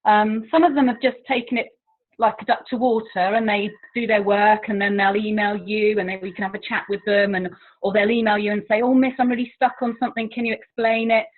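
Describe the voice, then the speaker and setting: An English woman who teaches languages chats casually as an interview guest, talking a lot, poking fun at herself, and laughing often. Her voice is medium-pitched and steady, a little fast, over a tinny, phone-like line.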